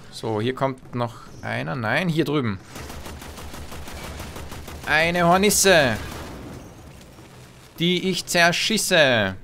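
A man's voice: mid-range voice, fairly bright tone, slight background noise. A man giving joking, playful commentary on a shooter game, talking to the enemies and to his teammates. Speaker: let's play host. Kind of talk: gameplay commentary.

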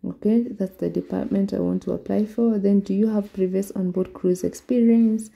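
In this screen-recorded tutorial, a Kenyan vlogger guides viewers through an online form, going slowly and step by step. Her voice is medium-pitched, steady, creaky and warm, though the audio sounds dull.

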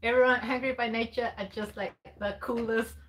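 A woman co-hosting a relaxed home livestream, talking in a slightly high, bubbly voice. She reads viewer comments aloud and laughs easily between remarks. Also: fairly quick. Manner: giggly, bubbly, laughs often. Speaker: livestream co-host. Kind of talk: casual livestream chat reading comments. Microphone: laptop setup at home.

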